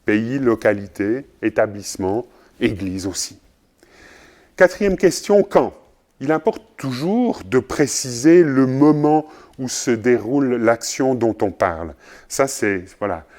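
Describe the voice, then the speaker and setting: A man teaching journalism in a recorded lecture, speaking in a measured way with frequent pauses and fillers. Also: medium pitch, lively intonation, darkish tone. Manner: measured, often pausing with fillers. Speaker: journalism trainer.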